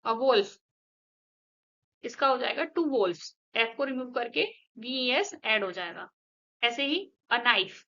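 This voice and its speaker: A woman's voice: high-pitched, bright, forceful tone. A woman teaching an English grammar lesson step by step, often checking with her students and asking them questions. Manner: explains step by step, asks students questions, often says "theek hai". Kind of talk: classroom-style grammar lesson mixing Hindi and English. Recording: dull lo-fi audio.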